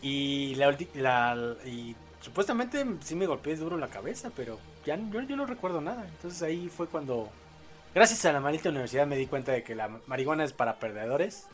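A young man with a Mexican accent hosting a late-night podcast, rambling with fillers and crude jokes. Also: medium pitch. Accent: Mexican Spanish. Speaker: podcast host. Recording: faint music behind.

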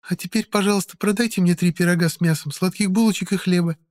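A male narrator voicing a young woman, flustered and proud, in a strained high falsetto in an audiobook. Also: fairly even intonation, fast, a little mellow, no echo, clean studio sound, close to an everyday voice. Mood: firm.

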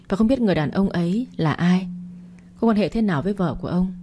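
Husky low-voiced woman storyteller. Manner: steady, dramatic storytelling. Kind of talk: scripted narration.

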